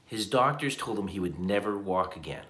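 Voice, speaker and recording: A man's voice: on the low side, animated, moderate pace, a bit bright, roomy sound. A man in his fifties, tired after a long day, talking earnestly to the camera from a hotel room at night, often restarting his sentences. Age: 50s. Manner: reflective, earnest, with frequent restarts. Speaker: vlogger. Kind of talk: casual vlog talk to camera. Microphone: camera on a table at arm's length.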